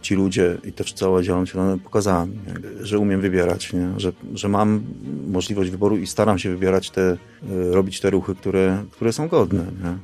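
A middle-aged man being interviewed, reminiscing informally in a halting, emphatic way with frequent tag questions. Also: low voice, little pitch movement, gravelly, darkish tone, faint music behind. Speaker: interview guest recalling his youth.

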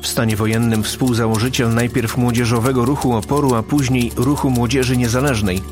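A man's voice: medium pitch, fairly even intonation, a little fast. A man delivering scripted narration for a radio history documentary. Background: music.

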